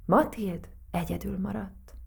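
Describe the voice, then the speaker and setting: A woman narrating a children's story aloud in a gentle, expressive way. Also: medium pitch, gravelly, slightly rough.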